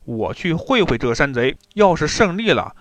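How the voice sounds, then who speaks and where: A man's voice: on the high side, very animated, normal speed, fairly bright tone, no echo. A man voicing a brave young boy warrior who speaks confidently and gives commands. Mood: bold, confident.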